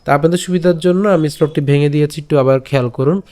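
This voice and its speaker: A man with a slightly high voice teaches verse pronunciation one syllable at a time. He repeats every word slowly and often stops to check that his listeners are following. He chants each line in a slow, measured way. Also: warm tone. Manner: patient, repeats syllables slowly, keeps asking if it is clear. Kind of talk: step-by-step pronunciation lesson.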